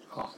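A Buddhist monk gives a Dharma lecture. He recites each passage slowly, then explains it, with many "ah" fillers. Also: a little hiss or hum, low-quality recording. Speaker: Buddhist monk teaching scripture.

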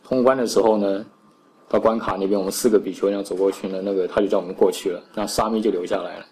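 A Buddhist monk gives a Dharma lecture. He recites each passage slowly, then explains it, with many "ah" fillers. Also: fairly low pitch, steady tone, dark tone, low-quality recording. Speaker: Buddhist monk teaching scripture.

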